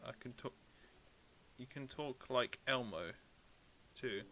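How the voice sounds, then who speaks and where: Taking it slowly, a British man with a mid-range, fairly bright voice and lively intonation streams a game over faint background music. He rambles casually with viewers, answering them and making fun of himself.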